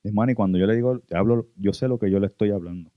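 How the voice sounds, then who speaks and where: Male preacher, Puerto Rican accent, earnest testimony delivery, low register, dry muffled recording. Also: rapid-fire, no echo. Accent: Puerto Rican Spanish. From Puerto Rico. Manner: earnest, addresses listeners as brothers. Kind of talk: sermon testimony.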